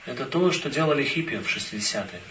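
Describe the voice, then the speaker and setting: Bright-voiced male interpreter in a hall. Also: mid-range voice, animated, slight background noise. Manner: quick, follows each phrase. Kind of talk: consecutive interpreting. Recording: echoey hall, distant mic.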